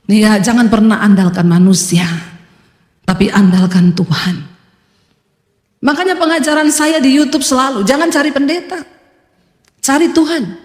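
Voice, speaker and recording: A high-pitched woman pastor delivers an emphatic sermon, breaking into humorous asides and acting out what people say. Her voice rings with a long reverb through a big echoey hall. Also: steady tone, normal speed, pauses often, darkish tone. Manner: emphatic preaching with humorous asides and acted quotes.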